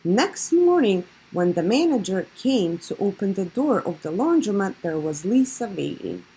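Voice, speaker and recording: A woman's voice: mid-range voice, big pitch swings, normal speed, mellow, breathy edge, low-quality recording. A woman reading a children's story aloud expressively, leaning on key words for dramatic effect. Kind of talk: expressive read-aloud narration.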